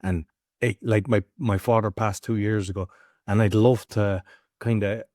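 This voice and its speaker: A man's voice: on the low side, fairly even intonation, normal speed, a little mellow, no echo, studio quality. A man hosting a podcast, asking questions in a loose, conversational way with plenty of filler words. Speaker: podcast host. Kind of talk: casual interview chat.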